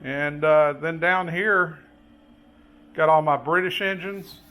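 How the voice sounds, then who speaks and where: A hobbyist gives a casual, unscripted show-and-tell tour, pointing things out one item at a time in a halting manner. His voice is a little high with a sharp tone.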